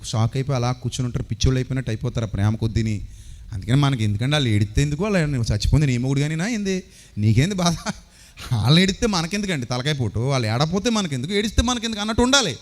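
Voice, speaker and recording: Animated preacher in a reverberant hall. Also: male voice. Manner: animated, rhetorical questions to the congregation; acts out voices of others in sudden pitch swings. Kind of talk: sermon. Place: church or seminar hall.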